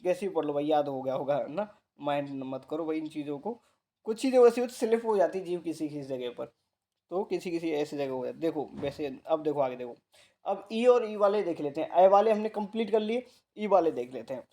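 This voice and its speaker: Mellow-voiced male teacher drilling vocabulary. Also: fairly high pitch, lively intonation, brisk. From India. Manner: repeats words and drills students; casual, addresses students as bhai. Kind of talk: Hindi vocabulary lesson.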